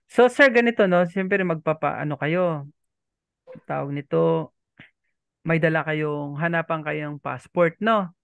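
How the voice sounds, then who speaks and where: A male teacher leads a language lesson with a gravelly, fry-tinged voice pitched a little above usual. He is patient and polite, repeating phrases and checking that his students follow. The sound is dry and close. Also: a little slow, long pauses, a bit bright, dry recording, lo-fi sound.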